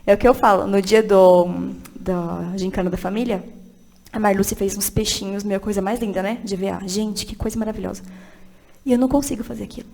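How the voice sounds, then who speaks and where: A woman's voice: medium pitch, steady tone, brisk, creaky, darkish tone. A woman directing a church children's ministry, chatting animatedly on a podcast, laughing often and urging listeners on with emphatic encouragement. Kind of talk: casual podcast chat.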